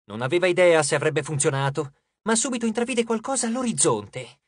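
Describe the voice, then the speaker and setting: An audiobook narrator delivers a lively, dramatic scripted reading at a brisk pace and medium pitch. It's recorded dry on a close studio mic.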